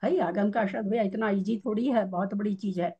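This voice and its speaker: A woman's voice: medium pitch, fairly quick, mellow, breathy edge, lo-fi sound. A woman teaching a scripture class in a casual, chatty way. She often restarts her sentences and explains with homely everyday examples.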